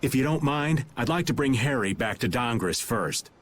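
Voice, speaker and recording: In animated video game dubbing, a man with a mid-range, slightly bright voice plays a roguish, easygoing middle-aged guild veteran. His delivery is lively and moderately paced, with a teasing, folksy, breezy and wry manner.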